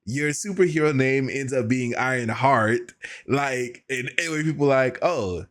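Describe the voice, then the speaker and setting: Male reaction host, mid-pitched, slangy conversational commentary. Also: a little slow, fairly bright tone.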